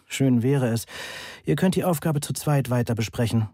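Ein Mann spricht eine resolute, bestimmende ältere Frau und Großmutter in einem Hörbuch. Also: male voice, mid-range voice, warm tone, no echo, clean studio sound, natural voice. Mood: bossy brisk. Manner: brisk, bossy. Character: energetic older woman, a grandmother, bossy and brisk.

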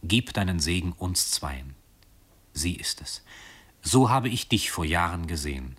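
Guy doing a lovesick young son, deep, hushed and earnest. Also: lively intonation, measured pace, breathy edge, exaggerated voice. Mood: rapturous.

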